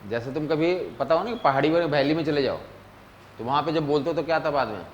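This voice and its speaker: A man's voice: a little high, fast talker, muffled recording, a little hiss or hum. A man teaching physics in a casual classroom lecture, mixing English terms into his talk and often checking that students follow. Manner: keeps asking students if they follow; mixes Hindi with English terms.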